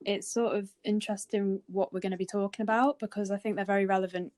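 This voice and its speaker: A woman's voice: mid-range voice, little pitch movement, fast talker, a little mellow, no room sound. Earnest young woman, dry close sound. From Cheshire, England. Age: 20s. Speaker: podcast co-host. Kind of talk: casual chat.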